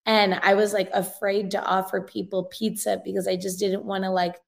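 A woman with a raspy voice that is nearly gone, speaking earnestly and emphatically as an interview guest giving testimony. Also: medium pitch, level tone, moderate pace. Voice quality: hoarse, raspy voice. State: hoarse, losing voice. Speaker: guest, missionary and revivalist. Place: inside an old rented house, remote guest.

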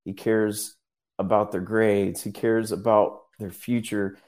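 A man's voice: fairly low pitch, level tone, slow pace, darkish tone. A man speaking as a guest minister in a casual interview, earnest and rambling, often restarting his sentences.

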